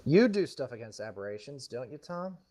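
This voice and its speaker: A man's voice: mid-range voice, sing-song, a little fast, mellow. A man chatting casually as a player in a tabletop roleplaying game.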